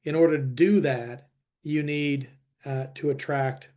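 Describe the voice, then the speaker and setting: Male webinar presenter, halting and filler-heavy, a bit high-pitched. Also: steady tone, mellow. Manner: halting, many fillers and restarts.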